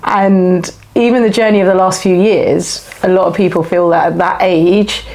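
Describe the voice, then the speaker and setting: A woman's voice: fairly low pitch, fairly even intonation, normal speed, gravelly, darkish tone. A woman in her forties, a guest on an interview show, telling her personal story in a candid, reflective way. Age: 40s. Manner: reflective, open, speaks in short flowing phrases.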